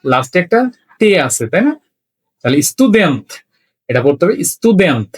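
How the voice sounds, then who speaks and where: A man with a slightly high voice teaches beginners. He sounds out words one letter at a time and repeats them slowly. He keeps checking that his students are following along. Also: sing-song, husky. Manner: slow, repetitive spelling out letter by letter; checks in with listeners often. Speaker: language teacher. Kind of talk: beginner language lesson.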